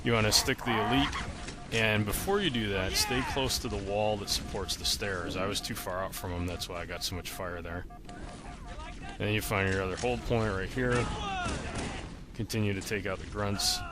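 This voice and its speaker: A game walkthrough narrator explains things matter-of-factly in casual, laid-back instructional commentary. His voice is on the low side, with a steady tone and moderate pace, and the noisy recording has video game sound behind him.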